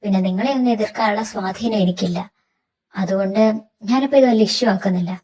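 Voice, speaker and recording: A woman voicing a doctor who calmly explains a patient's death in a fan audio drama. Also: medium pitch, recorded from a distance, a little hiss or hum, close to an everyday voice, low-quality recording. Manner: measured, explanatory.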